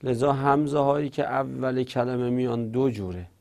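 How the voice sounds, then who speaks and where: A man's voice: mid-range voice, steady tone, a little mellow. A man giving a spoken grammar lesson, patiently repeating example words and explaining them step by step. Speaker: teacher.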